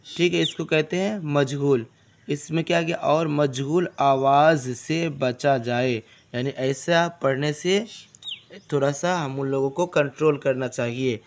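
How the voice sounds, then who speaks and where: Slow, patient male reading teacher. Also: a little high. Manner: patient, asks questions and answers them himself. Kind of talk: slow step-by-step recitation lesson.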